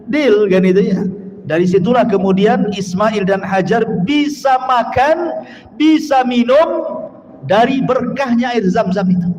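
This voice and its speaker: Male preacher with a strikingly high voice giving an emphatic sermon with Arabic recitation, recorded in a long-echo hall. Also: a little mellow. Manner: emphatic, rhetorical questions to listeners; recites Arabic verses, then explains them. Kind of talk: sermon to a congregation. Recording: long hall reverb, faint background noise.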